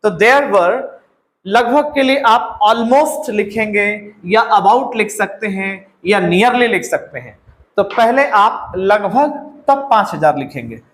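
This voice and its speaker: A man's voice: high voice, lively intonation, slow, fairly bright tone, roomy sound, poor audio. A man with an Indian accent teaching English grammar, explaining step by step and repeating words and phrases. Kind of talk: classroom-style grammar lesson.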